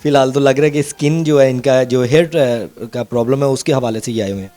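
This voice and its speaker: A man's voice: medium pitch, fairly quick, warm tone, soft background music. Pakistani man hosting a clinic interview. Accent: Pakistani Urdu. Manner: conversational, addresses viewers directly. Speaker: interview host. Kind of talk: street-interview show hosting. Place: skin clinic.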